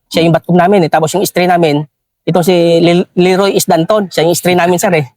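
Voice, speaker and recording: A man's voice: high-pitched, fairly even intonation, fast talker, darkish tone, no echo. A man, a soldier, telling a war story in an interview, deferentially adding "sir" after nearly every phrase. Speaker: soldier recounting a rescue operation.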